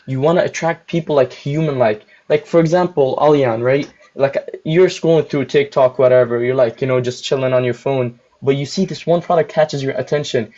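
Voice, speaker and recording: A man's voice: medium pitch, fairly quick, hardly any pauses, warm tone. Young man rambling over muffled audio. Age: young adult. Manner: rambling, heavy use of filler words. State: chewing gum. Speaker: guest store owner. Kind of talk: casual livestream chat.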